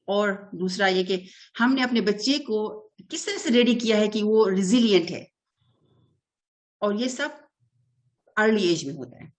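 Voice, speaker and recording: A middle-aged woman, an early childhood development expert giving an earnest interview answer that is full of English terms and short hesitations. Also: medium pitch. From Pakistan.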